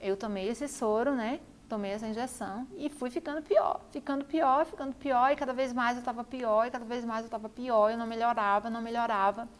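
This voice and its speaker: A woman's voice: a little high, steady tone, a little fast, few pauses. A woman telling her own story to camera, repeating phrases for emphasis. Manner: repetitive, emphatic retelling. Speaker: vlogger.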